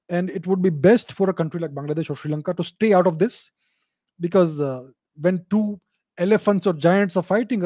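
A middle-aged man hosts a live geopolitics Q&A from his home study and works through each point in a steady, measured way. His voice sits a little high for a man but has a mellow, dark colour. The close studio mic keeps it dry, with almost no room sound. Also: no room sound. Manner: measured, explanatory, repeats key points. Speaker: host answering live video call questions. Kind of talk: live video chat Q&A on geopolitics. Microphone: studio mic on a boom arm, close.

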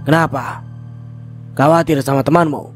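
A man playing a grave old village shaman who speaks slowly and ominously. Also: on the high side, steady tone, faint music behind, natural voice. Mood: sharp.

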